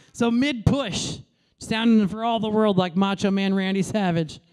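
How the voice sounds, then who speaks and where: A woman in her late thirties doing a stand-up comedy set on a club stage, brash and crude, with deadpan asides to the crowd. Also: medium pitch, a little slow, clear, resonant tone. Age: late 30s.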